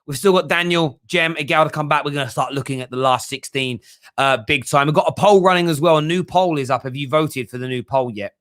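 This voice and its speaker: A man whose voice is on the high side and a bit bright talks briskly while hosting a football fan stream. Reading viewer comments aloud, he chats bluntly and emphatically, going over the same things repeatedly.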